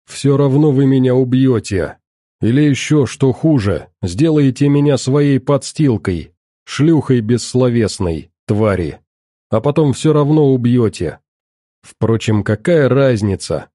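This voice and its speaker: A man voicing a bitter, despairing middle-aged woman who shouts insults. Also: medium pitch, animated, a little slow, no echo, studio quality.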